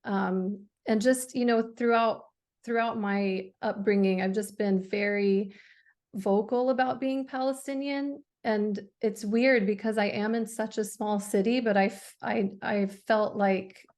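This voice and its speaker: Woman, casual personal story, even and flat, chatty. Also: mid-range voice, unhurried.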